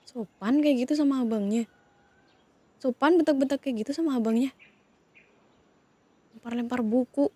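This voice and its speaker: A woman in a whispered role-play, calmly scolding and soothing two siblings who have been fighting. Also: high-pitched, normal speed, pauses often, husky, dry recording. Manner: scolding yet soothing, questioning. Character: woman calming partner and his younger sibling fighting. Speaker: ASMR roleplay creator.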